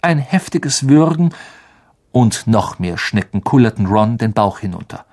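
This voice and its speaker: Lively male audiobook narrator. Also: on the low side, a little slow. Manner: lively, expressive storytelling. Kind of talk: scripted narration.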